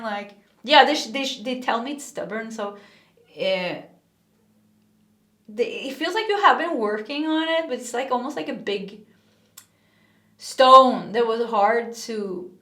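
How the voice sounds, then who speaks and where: A woman's voice: mid-range voice, fairly bright tone. Woman reading tarot in an echoey room. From Sweden. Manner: earnest, rambling with restarts. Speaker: tarot reader. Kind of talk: casual spiritual reading.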